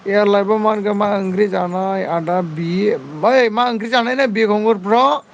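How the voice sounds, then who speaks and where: A man's voice: high-pitched, fairly even intonation, normal speed, slight background noise. A man chatting casually on a livestream, reading out viewer comments and pleading for comments and friend requests. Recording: dull lo-fi sound.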